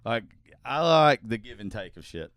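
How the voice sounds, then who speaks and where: A man's voice: mid-range voice, big pitch swings, moderate pace, a bit bright, no echo, clean studio sound. A man telling crude, profane stories in casual podcast chat, laughing often. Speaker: podcast host or regular.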